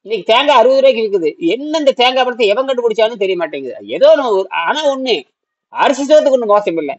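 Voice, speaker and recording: A high-pitched man holds forth to a small group on natural healing, blunt and repetitive, firing questions at his listeners. The recording is dull and lo-fi. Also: expressive, fast talker. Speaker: naturopathy teacher. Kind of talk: informal group lesson.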